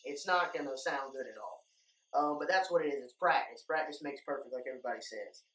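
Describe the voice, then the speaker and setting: A man's voice: medium pitch, a little fast, a bit bright. Young guy teaching stuff in a laid-out casual how-to way, plain talker, roomy echo, bit far from the mic. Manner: informal, plain-spoken, addressing viewers as guys. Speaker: duck calling instructor, video host. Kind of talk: casual instructional talk to viewers. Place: indoor room lined with duck decoys. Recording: echoey room, distant microphone.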